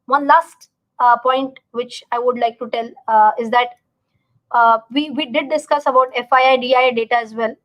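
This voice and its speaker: A woman with an Indian accent speaks in a noticeably high voice. She explains things informally as a live-stream finance educator, stressing points through repetition and pausing to check that everyone understands. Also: steady tone, fairly bright tone, rough recording. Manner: teacherly, checks understanding, repeats words for emphasis.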